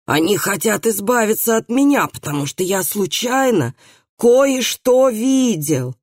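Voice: medium pitch, sing-song, a little slow, no room sound, studio quality, voice pushed up. A reader voicing a frightened man, an executioner's helper, who answers in a weak, faltering voice. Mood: uneasy.

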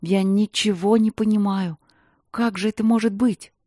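An audiobook narrator voicing a young princess, a frightened but bold girl, who talks softly and plaintively in a higher voice. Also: fairly even intonation, normal speed, no room sound, clean studio sound, natural voice. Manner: soft, plaintive, at times whispering. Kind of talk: audiobook reading.

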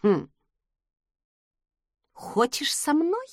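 A woman's voice: high voice, very animated, drawn-out words, no room sound, studio quality, voice pushed up, full character voice. A woman reading the lines of a smug, charming young male academy student who teases with ironic remarks. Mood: teasing. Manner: teasing, ironic.

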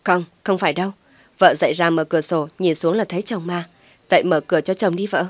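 Woman reading a guilty flustered husband, sheepish and pleading, lowish voice, dry sound. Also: steady tone, fairly quick, no echo, natural voice. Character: cheating young husband, flustered and in pain.

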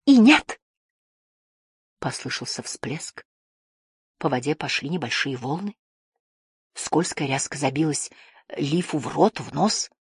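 Audiobook narrator, woman, lowish husky voice, dry close sound. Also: a little slow, pauses often, no echo. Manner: steady storytelling. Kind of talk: scripted narration.

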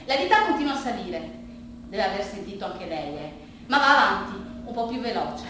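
A female monologue actress with a medium-pitched, sing-song voice tells a bittersweet theatrical story in colloquial first person. Her delivery is halting and conversational, with hushed asides that drop away. The recording is distant and very roomy, made in a strongly reverberant space with faint noise.

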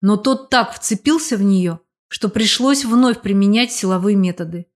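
A woman reading a first-person audiobook in a steady, measured storytelling manner. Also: mid-range voice. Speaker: audiobook narrator.

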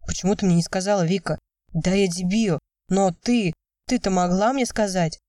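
A woman's voice: mid-range voice, moderate pace, dark tone, no echo, studio quality, recorded from a distance, close to an everyday voice. A woman voicing a young man who is hurt and ashamed, asking blunt, tense questions.

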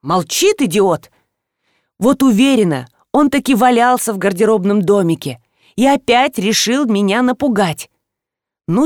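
A panicky woman in an audiobook, high-pitched and excitable, her indignant lines leaping upward, as a woman narrator puts her on. The recording is close and dry. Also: no echo, lightly acted. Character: panicky hysterical woman, homeowner. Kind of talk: audiobook reading.

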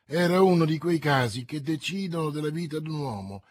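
A man narrating an adventure novel aloud in a theatrical, unhurried reading style. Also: a little high, lively intonation, a little mellow. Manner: theatrical, unhurried, swelling with the action. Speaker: audiobook narrator. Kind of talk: dramatic audiobook reading.

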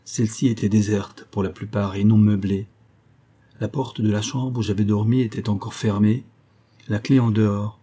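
A man reading a literary travel story as an audiobook narrator, in a measured storytelling manner. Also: on the low side, level tone, warm tone, husky.

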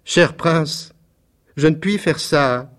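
A man voicing a tender-hearted young male swallow in a storybook reading, high, eager and tremulous. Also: slow, a bit bright. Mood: tender pleading.

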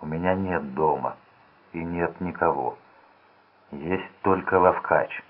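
A man's voice: low voice, slow pace, slightly rough, full character voice. A man voicing a frightened, dazed young heiress, pleading and fearful, in a tinny lo-fi recording. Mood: desperate. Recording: tinny phone-like lo-fi sound.

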